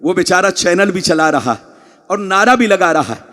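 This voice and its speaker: Guy booming out a fiery islamic sermon, really high pitched, long echoey pa reverb, gets the crowd chanting. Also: animated, moderate pace, fairly bright tone. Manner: combative, exhorting the crowd to chant and respond. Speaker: Islamic preacher addressing a religious gathering. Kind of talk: booming, rousing public sermon with call-and-response. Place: large public religious gathering, over loudspeakers.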